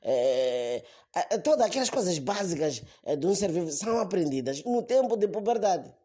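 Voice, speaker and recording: A woman's voice: on the low side, very animated, moderate pace, dark tone, husky. A woman telling a comic school story, hesitant and full of stammered fillers.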